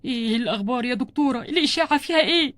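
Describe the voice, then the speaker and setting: A woman's voice: high voice, lively intonation, very fast, a bit bright, no echo. A woman voicing an adult man doll who frets over his sick wife, speaking Egyptian Arabic with pleading, repeated words. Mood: anxious. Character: worried devoted husband doll, adult man. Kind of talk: doll play storytelling.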